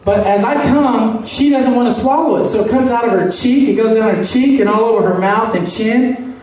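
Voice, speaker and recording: A man's voice: extremely high pitch, moderate pace, a little mellow. Man, stand-up, crude storytelling, faint room noise, distant mic. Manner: crude, rambling anecdotes with asides. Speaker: stand-up comic. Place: comedy club. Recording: echoey club heard from a distance.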